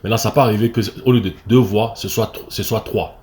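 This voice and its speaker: A man's voice: on the low side, steady tone, fast talker, a little mellow. A man with a Cameroonian French accent, an acting coach explaining step by step, with fillers and restarts and frequent "ok?" checks. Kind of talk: screen-recorded tutorial.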